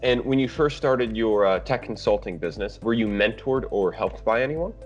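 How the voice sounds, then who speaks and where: Low-voiced interviewer, dull lo-fi sound. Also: male voice, lively intonation, normal speed. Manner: brief, direct questions. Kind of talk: interview questions. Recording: dull lo-fi sound, faint music.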